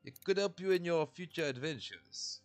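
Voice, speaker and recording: A man's voice: on the high side, moderate pace, faint music behind, pitched above the performer's own voice, close to an everyday voice. A man voicing a large, jubilant talking tree in a tabletop game, exclaiming effusively with French phrases. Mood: grateful, kindly. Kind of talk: tabletop role-play character voice.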